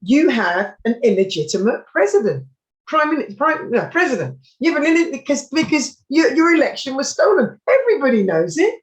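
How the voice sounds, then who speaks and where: A woman's voice: sits high, sing-song, fairly quick, rough recording. A British woman from the UK, talking emphatically on a political panel and repeating herself as she builds her point. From United Kingdom.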